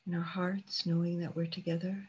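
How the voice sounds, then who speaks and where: With a husky voice of fairly low pitch, a female meditation teacher guides a session at an unhurried, calm pace. Her short phrases are separated by long pauses, and the audio sounds dull.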